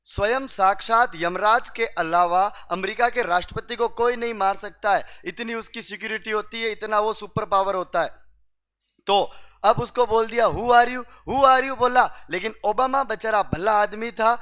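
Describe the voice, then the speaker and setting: Man, high-pitched, clear smooth voice, comic classroom storytelling, quizzes the listeners. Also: moderate pace, fairly bright tone. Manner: asks the class questions and repeats punchlines. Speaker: teacher telling jokes to students.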